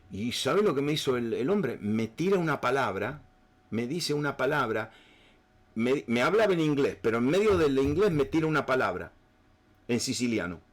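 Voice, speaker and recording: A man, preaching and telling a personal story in a rambling way, full of restarts and fillers. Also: medium pitch. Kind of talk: sermon storytelling.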